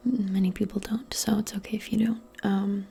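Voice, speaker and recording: A woman performs a quiet ASMR roleplay, whispering breathily most of the time in a mid-range voice that hardly changes pitch. She speaks a little fast, sounding gentle, comforting and tentative.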